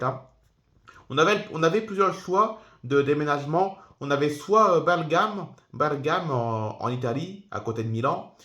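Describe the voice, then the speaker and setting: A man's voice: on the high side, a bit bright, close to an everyday voice. A man voicing a company director who talks with a put-on Ukrainian accent, easygoing and rambling, full of fillers, in a toy-figure film. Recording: roomy echo.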